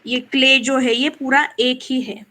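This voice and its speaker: A woman leads a Sanskrit recitation lesson in a high, clear voice. She talks at an unhurried pace, stopping to explain and to ask whether her students understand. Between the explanations she chants verses slowly as examples. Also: steady tone, bright, forceful tone, a little hiss or hum. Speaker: Sanskrit teacher. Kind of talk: live online class, teaching verse recitation.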